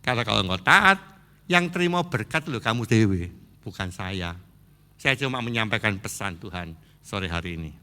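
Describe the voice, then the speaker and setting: A middle-aged man with an East Javanese accent, preaching a sermon and slipping into Javanese asides, swinging between loud exhortation and low earnest talk. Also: expressive, moderate pace. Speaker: pastor.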